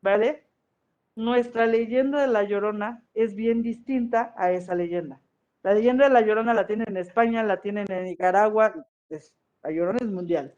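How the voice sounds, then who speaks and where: A history teacher gives a chatty lecture to an online class and keeps checking whether the students are following. The voice sits at a middle pitch. The audio is dull and lo-fi. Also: normal speed, darkish tone. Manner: conversational, often checks in with the class.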